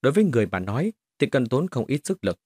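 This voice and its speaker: A man's voice: mid-range voice, sing-song, fast talker, a little mellow, breathy edge, dry recording, studio quality. A man reading a fantasy novel aloud as scripted audiobook narration.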